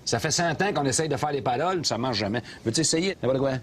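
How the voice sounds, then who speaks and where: An actor plays a middle-aged Québécois taxi driver with opinions on everything, sneering and ranting from behind the wheel. His voice sits in a middle pitch, and faint background noise hangs under it inside the cab. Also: lively intonation, quick pace, close to an everyday voice. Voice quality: sarcastic ranting, mocking. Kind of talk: scripted comedy sketch.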